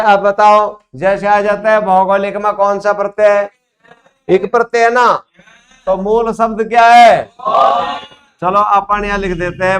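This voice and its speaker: Slow high-voiced male teacher. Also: a bit bright. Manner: questioning students, repetitive prompts. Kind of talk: classroom grammar lesson. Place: classroom.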